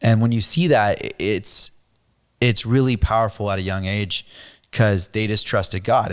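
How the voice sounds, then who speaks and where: A middle-aged man co-hosting a casual faith-based podcast chat, halting and repeating his words as he talks about giving and trust. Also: lowish voice. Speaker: podcast co-host.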